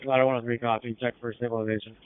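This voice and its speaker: A man's voice: mid-range voice, little pitch movement, very fast, clear, resonant tone, no echo. A man, a firefighter officer, giving clipped, urgent, businesslike status reports over a two-way radio. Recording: narrow-band two-way radio transmission.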